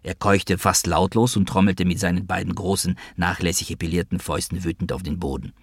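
A man narrating an audiobook in a dry, unhurried reading. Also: low voice, fairly even intonation, husky, dry recording.

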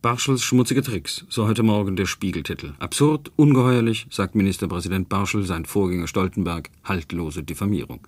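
A man's voice: low-pitched, a little fast, hardly any pauses, no echo. A male news correspondent delivering a formal scripted report in a dry archival radio recording.

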